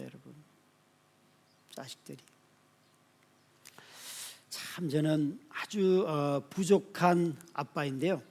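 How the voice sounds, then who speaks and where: A male pastor in his fifties giving a sermon with lively storytelling, dropping to quiet asides and rising to sudden shouts, often turning to ask the congregation "right?". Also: sits high. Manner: speaks to the congregation directly, often asking "right?".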